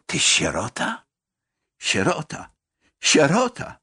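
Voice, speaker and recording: A man's voice: medium pitch, big pitch swings, measured pace, creaky, fairly bright tone, husky, dry recording, exaggerated voice. A man voicing a distraught young student who reproaches his elders, for an audiobook. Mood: anguished. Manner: anguished outburst.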